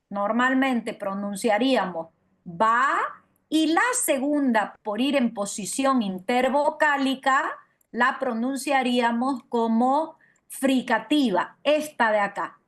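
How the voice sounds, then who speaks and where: A woman teacher giving an online phonetics lecture. She slowly sounds out syllables over and over and keeps checking that students follow. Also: on the high side. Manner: demonstrative, repeats syllables and checks understanding often.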